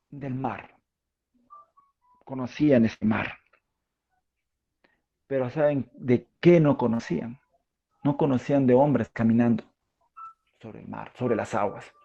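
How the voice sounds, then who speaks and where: A male preacher with a Peruvian Spanish accent delivers a sermon. He talks in a relaxed, conversational way and keeps asking his listeners questions. His voice is gravelly and dark. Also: mid-range voice, slow, pauses often, highs cut off. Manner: conversational, asks the audience questions, frequent fillers.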